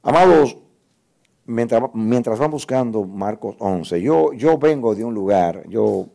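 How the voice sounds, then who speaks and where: Male guest pastor, dark gravelly voice, emotional sermon testimony with repeated words. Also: medium pitch, expressive, takes it slowly. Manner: emotional testimony, repeats words, rises to loud scripture reading.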